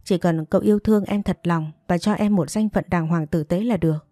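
A woman's voice: on the low side, a little fast, dark tone, dry recording, studio quality, soft background music, lightly acted. A woman voicing a young mandarin's daughter who pleads through tears while scheming. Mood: pleading tearful. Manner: pleading, tearful.

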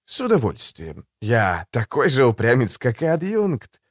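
A man reading an audiobook, voicing a suave, condescending male assassin in a soft, low, silky voice. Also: huge pitch swings, a little slow, no echo, studio quality. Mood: silky, ironic. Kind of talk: audiobook character voice.

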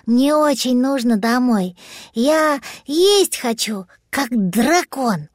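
A woman voicing a small, trusting boy dragon in a storybook reading, speaking with slow childlike earnestness. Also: fairly high pitch, expressive, no room sound, clean studio sound.

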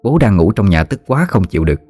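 A man narrating a ghost story in an expressive storytelling manner. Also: sits low, fast, breathy edge, no room sound. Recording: faint background music.

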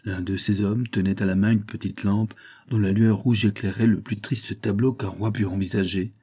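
A male audiobook narrator with a low, dark voice and a husky grain. He reads a classic novel at a steady, measured pace.

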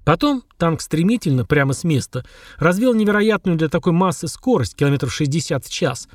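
A man narrating an audiobook in a steady, even reading style. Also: a little high, a little fast, dry recording, clean studio sound. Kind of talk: scripted narration.

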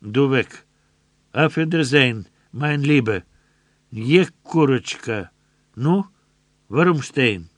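A man voicing a leering, menacing middle-aged German soldier who speaks in broken, German-accented words, slow and mocking. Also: medium pitch, lively intonation, no room sound, pitched above the performer's own voice. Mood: commanding. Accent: broken German-inflected speech.

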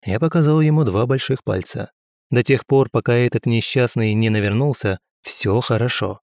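A man's voice: medium pitch, moderate pace, a little mellow, no room sound. A man reading a first-person audiobook in a wry, dry way. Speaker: narrator.

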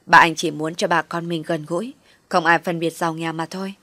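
A woman voicing a young husband who calmly reassures his wife. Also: fairly low pitch, fairly quick, no echo. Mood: reassuring. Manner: gentle, reassuring.

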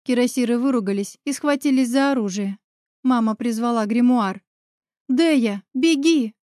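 A woman reading a first-person fantasy story aloud in an expressive storytelling way, close to the mic. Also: on the high side, fairly quick, no echo. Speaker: audiobook narrator. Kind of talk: scripted fantasy narration.

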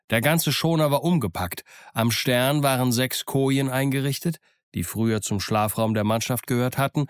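A man reading a novel aloud as an audiobook narrator, in steady storytelling. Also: medium pitch, dry recording, clean studio sound.

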